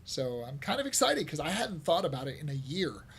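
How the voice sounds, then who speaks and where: A man's voice: a little high, sing-song, a little fast, creaky, a little hiss or hum. A man hosting a casual gaming podcast, talking in long rambling stretches with plenty of fillers and laughter. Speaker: podcast host. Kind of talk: casual chat.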